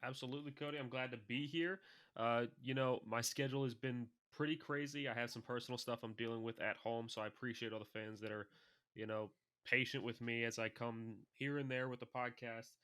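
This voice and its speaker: A young adult man co-hosting a casual fantasy football podcast, talking in an animated, excitable way. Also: mid-range voice, a little fast, clean tone, no room sound. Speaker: podcast co-host.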